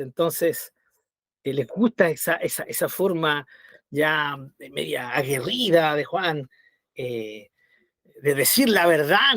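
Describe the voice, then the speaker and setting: A man's voice: sits high, dry recording, clean studio sound. A man teaching a Bible study, conversational and often checking in with his listeners. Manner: conversational, checks in with frequent tag questions.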